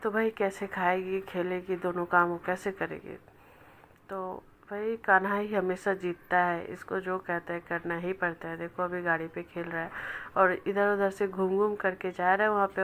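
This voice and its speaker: A woman in her thirties with a Bihari Hindi accent talks through a family vlog voice-over. She keeps her voice low and unhurried, with very little rise and fall. A faint hiss sits under the recording. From Bihar, India. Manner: speaks quietly and slowly because her child sleeps beside her. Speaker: family vlogger. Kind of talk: soft voice-over narration of a daily vlog. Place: indoors at home, child asleep nearby.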